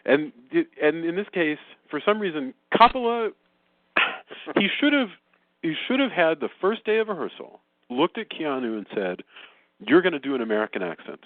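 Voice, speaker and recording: A man hosting a casual film review podcast, talking in an animated, rambling way with many restarts. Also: a little high, normal speed, dry recording. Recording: phone-like remote call line.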